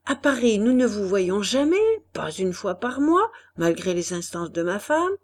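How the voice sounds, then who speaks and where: Lady reading a bossy cheerful money man, coaxing, slow and breathy. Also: high voice, sing-song, heavily acted. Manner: coaxing, insistent. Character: brisk wealthy businessman husband, pushy, jovial.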